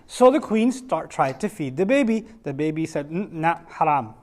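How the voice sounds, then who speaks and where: A man's voice: a little high, moderate pace. A man telling a story to a room of children, quizzing them as he goes. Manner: animated, asks the kids questions. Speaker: teacher of children.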